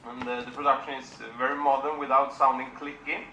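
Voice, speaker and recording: Bright-voiced man reviewing records. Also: medium pitch, little pitch movement, roomy sound, slight background noise, low-quality recording. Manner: plain, unhurried, with many fillers and restarts. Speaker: music reviewer.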